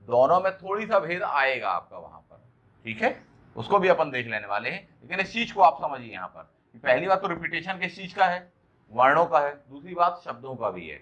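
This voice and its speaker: A man delivers an exam-prep lecture in a fairly high, bright voice. He explains patiently, often checks that students follow, and draws out example lines slowly. The recording is dull and lo-fi. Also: very animated. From India. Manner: explanatory, checks understanding with questions. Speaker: teacher.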